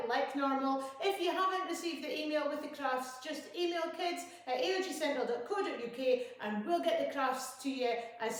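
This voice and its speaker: Female children's presenter with a high voice, talking to young viewers in a very reverberant room. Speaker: children's church show presenter. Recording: very echoey room.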